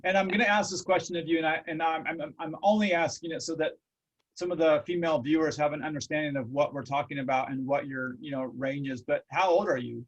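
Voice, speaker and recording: A middle-aged man hosts a casual interview. He talks in an earnest, rambling way, stopping often to reflect. His voice sits slightly high for a man. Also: steady tone, fast, dull audio. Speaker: host.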